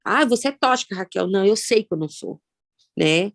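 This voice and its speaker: A Brazilian woman in her thirties with a Brazilian Portuguese accent, telling her own story of loss in a halting, reflective way with many pauses and fillers. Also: mid-range voice, expressive, gravelly, no echo. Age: 30s. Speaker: guest sharing personal story. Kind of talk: emotional personal testimony.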